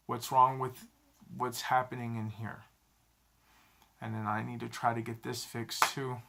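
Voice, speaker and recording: A man in his thirties talking to a camera in a halting, self-critical confessional vlog, often repeating himself. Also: mid-range voice, bright, forceful tone. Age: 30s. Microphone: camera mic, talking to a camera.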